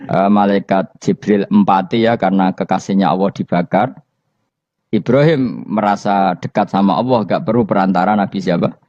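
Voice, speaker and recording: A man's voice: low-pitched, normal speed, darkish tone, dry recording. A man with a Javanese accent giving a religious lecture, telling stories with rhetorical questions and chuckles. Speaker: Islamic preacher. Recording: dull, lo-fi dry recording.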